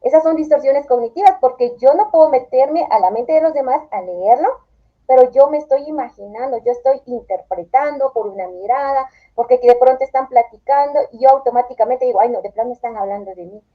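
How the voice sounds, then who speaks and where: Calm explaining woman, dull lo-fi audio. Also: sits high, brisk. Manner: calm, explanatory, acts out quoted phrases. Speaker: therapist guest. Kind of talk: explanatory interview answers. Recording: dull lo-fi sound.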